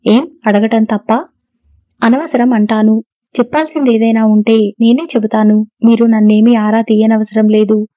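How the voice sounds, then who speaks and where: A woman gives voice to a strong-willed young wife who answers back sharply. The tone is mellow and fairly high, and the delivery stays flat. The recording is dry and a little muffled. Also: moderate pace, dry recording, close to an everyday voice. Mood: defiant. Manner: sharp, retorting.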